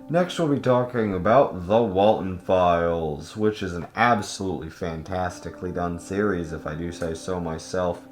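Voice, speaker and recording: A man hosting a video guide offers casual, opinionated commentary, emphatic and informal, leaning on intensifiers and casual swearing. His voice is deep and sounds reverberant.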